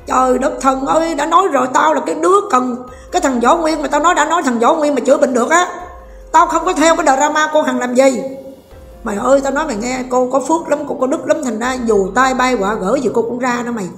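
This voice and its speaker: A middle-aged woman ranting in heated, blunt commentary, scolding her listener with rough familiar talk. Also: high voice, fairly bright tone. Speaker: online commentator. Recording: echoey roomy recording with faint music.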